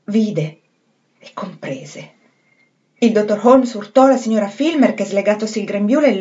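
A woman reading a novel aloud in a measured, expressive literary style. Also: on the high side, highs cut off. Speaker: reader.

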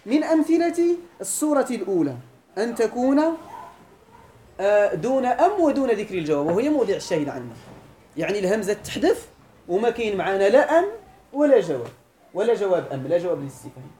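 A woman with a Moroccan accent teaching a classical grammar lesson, reciting verses slowly and then explaining them and quizzing her students. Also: medium pitch, very animated, warm tone, a little hiss or hum. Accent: Moroccan Arabic. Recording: roomy echo with faint ambience.

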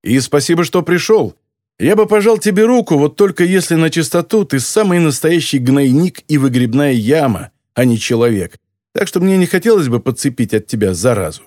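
A man's voice: a little high, lively intonation, moderate pace, no echo, clean studio sound, lightly acted. A man doing a sneering, sarcastic editor. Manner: loud, mocking and insulting. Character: rude, sarcastic middle-aged editor on crutch.

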